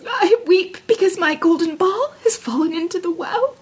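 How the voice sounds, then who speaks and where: A woman's voice: very high-pitched, lively intonation, moderate pace, voice pushed up. A woman voicing a spoiled, fretful young princess in a fairy tale, with an emotional, girlish delivery. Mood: tearful, disdainful. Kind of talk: fairy tale storybook character voice.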